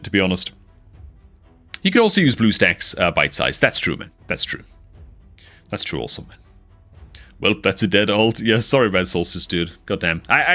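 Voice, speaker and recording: With a low-sitting, sharp-toned voice, a young man from near Newcastle chats casually to his livestream audience. His accent is a somewhat mixed northeast English one, and as a gaming streamer he rambles and leans heavily on fillers while talking to chat.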